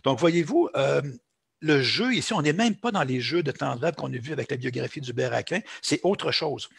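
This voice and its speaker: A man's voice: mid-range voice, vocal fry, husky, dry recording. A man teaching translation in a recorded lecture, explaining at length with frequent fillers and restarts. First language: French. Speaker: translation instructor.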